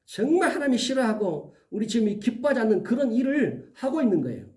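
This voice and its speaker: High-voiced man preaching an earnest sermon. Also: very animated, darkish tone, far from the mic. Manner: earnest, emphatic warnings, lists items slowly one by one. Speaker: pastor.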